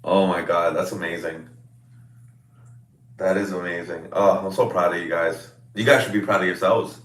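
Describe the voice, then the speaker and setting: A man coaching clients over a video call, chatting casually with loud, excitable hype-man energy. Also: sits low, moderate pace, roomy sound, distant mic. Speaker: fitness coach.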